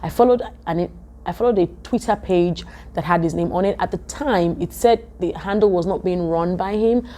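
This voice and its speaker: A young woman, chatting to camera in a vlog, animated and full of "um"s, from her office. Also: fairly low pitch, moderate pace, slight background noise. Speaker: vlogger. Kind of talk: casual talk to camera.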